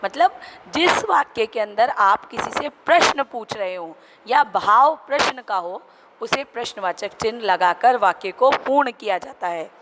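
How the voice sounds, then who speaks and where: A woman teacher with a slightly high voice takes her pupils through a grammar lesson, repeating each example and checking whether they follow. Steady background noise sits under her voice. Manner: explains slowly, repeats examples, asks students questions. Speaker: school teacher. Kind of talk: online class lesson.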